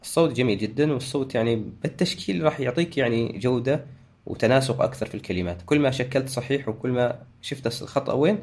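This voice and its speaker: A man hosting a software tutorial, talking through each step and correcting himself as he goes. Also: medium pitch, rapid-fire. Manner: talks through steps, frequent restarts and self-corrections. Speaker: tutorial host. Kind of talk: screen-recorded software tutorial.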